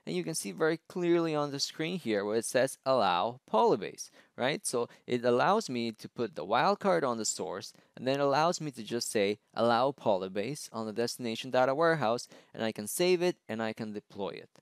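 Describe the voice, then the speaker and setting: A man presenting a screen-recorded software tutorial, explaining step by step and often checking in with "right?" and "okay?". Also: medium pitch, lively intonation, normal speed, few pauses, clean tone, no echo. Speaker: tech presenter.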